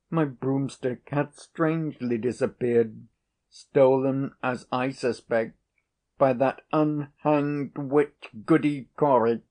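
A man reading aloud and voicing an eager, fawning old woman who is secretly a witch, in a cackling, excited manner. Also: mid-range voice, pitched above the performer's own voice, close to an everyday voice. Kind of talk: audiobook character reading.

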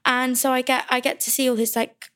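A woman's voice: high voice, level tone, a little fast, fairly bright tone, clean tone. Chatty young woman, rambling. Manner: chatty, rambling with many fillers. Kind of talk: casual chat.

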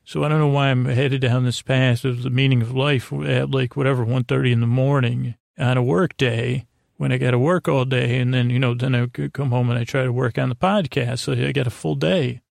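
In a clean studio recording with no room sound, an American man hosting a podcast drifts through a soothing bedtime monologue. He speaks haltingly, trails off and frequently repeats himself. His medium-pitched voice is creaky and darkish, with fairly even intonation.

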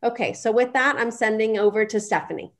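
A woman's voice: on the high side, brisk. A middle-aged woman from Iran introducing herself on a panel in a casual, wry way. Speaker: panelist, marketing executive.

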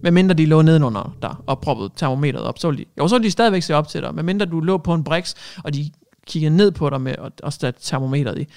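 A man's voice: fairly high pitch, lively intonation, vocal fry, a little mellow. A man hosting a radio show, delivering a cheeky, jokey news monologue and dropping English phrases into his talk.

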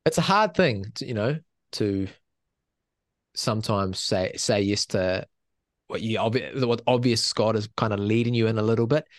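Podcast guest: New man, low voice, earnest and easygoing, close dry mic. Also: moderate pace, no room sound. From New Zealand. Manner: earnest, laid-back, uses matey slang. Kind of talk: casual chat.

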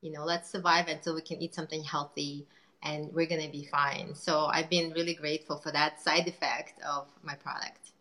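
A woman entrepreneur, the guest in a casual interview, chats loosely with many fillers and restarts. Her voice sits low and comes across pushed and bright, with a flat delivery at a moderate pace.

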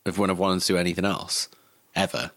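This young adult man, originally born in Greece and now from Cardiff, Wales, talks fast in a low voice with little pitch movement and a fairly bright tone. He is an interview guest recalling his life casually and informally, swearing now and then. The clean studio recording has no echo.

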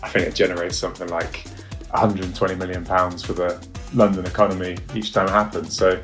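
A man's voice: low-pitched, flat delivery, fairly quick, fairly bright tone, faint music behind. A man giving interview answers as a guest editor, thoughtful and hedging.

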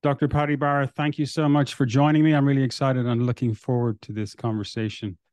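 A man's voice: medium pitch, flat delivery, a little fast, darkish tone, no room sound, faint music behind. A man hosts an interview podcast, thanking his audience and asking long, rambling questions. His delivery is friendly, in a mid-range voice. The recording is dry and close. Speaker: podcast host.

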